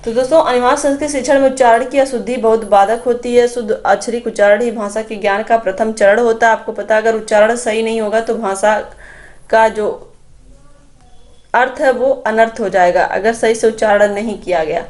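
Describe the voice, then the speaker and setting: A woman's voice: on the high side, steady tone, brisk, a little mellow. A young adult woman teaching an exam-prep grammar lesson, explaining step by step and pointing the listener to examples on slides. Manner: explanatory, addresses viewers as friends, points at slides.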